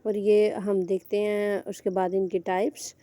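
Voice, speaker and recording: Woman literature lecturer, very mellow dark tone, dry close recording. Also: mid-range voice, flat delivery, no room sound. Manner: explains in Urdu-Hindi, reads English examples slowly. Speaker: English literature teacher.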